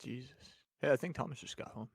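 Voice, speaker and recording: A man's voice: medium pitch, quick pace, gravelly, breathy edge, no room sound. A young man with an ordinary mid-range voice chatting on a podcast from home. He sounds laid-back and answers mostly in short replies. The recording is dry and close to the mic. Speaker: podcast co-host. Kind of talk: casual chat.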